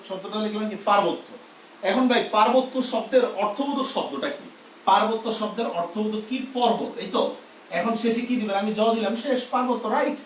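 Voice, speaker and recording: A man's voice: sits high, reverberant, recorded from a distance, a little hiss or hum, poor audio. A man teaches a grammar lesson live. He explains step by step and keeps asking whether the class understands.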